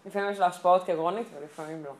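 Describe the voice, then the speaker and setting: A woman's voice: on the low side, fairly even intonation. A woman teacher giving a classroom grammar lesson, explaining patiently step by step. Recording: echoey classroom from far off.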